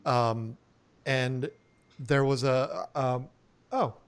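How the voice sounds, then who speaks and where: The host of an aquarium live stream chats casually in a medium-pitched, clean voice at an extremely slow pace, using a new studio microphone. He rambles, laughs often, and trails off mid-sentence when he loses his train of thought.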